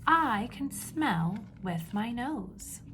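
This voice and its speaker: Her voice sits a little high, with a sing-song lilt and a fairly bright tone, over faint background noise. Reading a picture book aloud to small children like a teacher, she emphasizes key words and poses easy questions, waiting a moment before confirming each answer.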